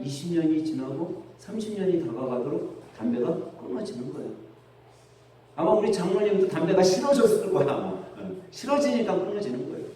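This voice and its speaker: High-voiced pastor in an echoey church. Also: male voice. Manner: conversational storytelling, lively with laughs. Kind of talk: sermon. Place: church sanctuary. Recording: very echoey church hall, distant mic.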